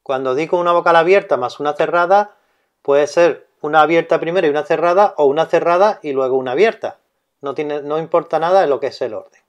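Male teacher, somewhat higher voice, patient and repetitive delivery. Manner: slow, deliberate, repeats key terms. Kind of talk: grammar lesson explanation.

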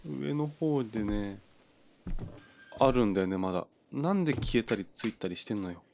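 A man's voice: on the low side, expressive, normal speed, vocal fry, a little mellow, slight background noise. A young man giving let's play commentary on a horror game, jumpy and stammering as he talks to himself. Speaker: gamer playing a horror game.

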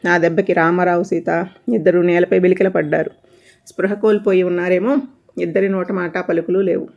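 Low, flat-voiced woman storyteller. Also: fairly quick, highs cut off. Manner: steady, even storytelling. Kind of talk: scripted story narration.

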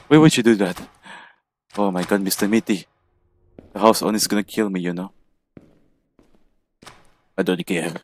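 Deep-voiced man doing joking game commentary. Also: slight background noise. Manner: jokey, chats to an in-game companion. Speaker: gamer playing a horror game. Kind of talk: let's play commentary.

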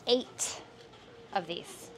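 A woman in her thirties chatting casually for her vlog, upbeat and coaxing, first in a car and then in a boat galley. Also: extremely slow. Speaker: sailing vlogger. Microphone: clip-on lapel mic.

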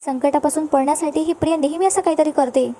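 A woman's voice: high-pitched, fairly even intonation, fast, warm tone, slight background noise, natural voice. A woman voicing a sensible young wife who speaks frankly and pointedly.

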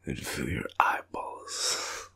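Speaking slowly with a sharp edge to his tone, a tired Australian man acts as a teasing, clingy boyfriend in intimate roleplay. He murmurs and rambles drowsily and frequently half-whispers.

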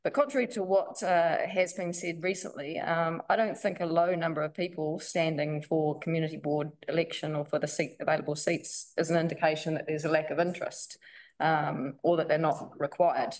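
A woman's voice: deep voice, steady tone, brisk, darkish tone. A woman speaking informally to a council meeting as a member of the public, reading loosely from notes with many fillers.

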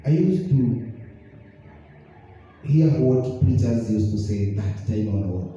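A man's voice: fairly low pitch, lively intonation, takes it slowly, warm tone, faint music behind. Kenyan man preaching in a roomy church. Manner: mixes English and Swahili, asks the congregation questions. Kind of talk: sermon. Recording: roomy, distant, dull church broadcast.

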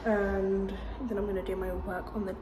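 A young adult vlogger talks at a moderate pace with a medium pitch and flat delivery, over a noisy background. Breathless and congested, she offers a casual, meandering, self-mocking chat to a phone camera set up nearby, in a small kitchen and a bare room with echoey acoustics.

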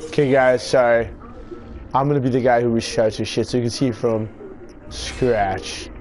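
A man's voice: medium pitch, fairly even intonation, normal speed, a little mellow, a little hiss or hum. Crude joking man commenting on gameplay. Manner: crude, joking, hums and sings along. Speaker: gamer streamer. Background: game music.

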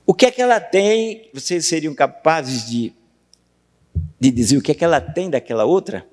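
Brazilian male lecturer, fairly high animated voice, long auditorium reverb. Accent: Brazilian Portuguese. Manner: questions the audience, recites verse slowly. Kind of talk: university lecture on poetry. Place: university auditorium.

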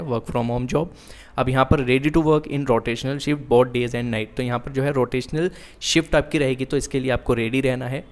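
A man walking viewers through an online job listing. He reads the English lines slowly and then explains them in Hindi mixed with English, using lots of fillers and calling the viewers "guys". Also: medium pitch. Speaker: job vacancy YouTuber. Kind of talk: screen-share walkthrough explainer.

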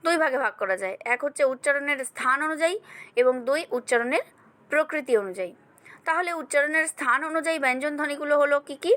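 A woman teacher with a Bengali accent, going through exam questions in a steady question-and-answer style and speaking directly to her students. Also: high voice, fast talker, no room sound. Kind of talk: exam revision lesson.

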